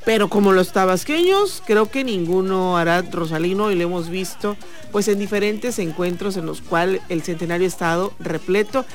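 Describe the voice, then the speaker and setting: Lively Mexican woman hosting sports radio. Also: fairly low pitch, moderate pace, soft background music. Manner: lively, leads the conversation and asks co-hosts questions. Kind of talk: radio talk about baseball. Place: radio booth.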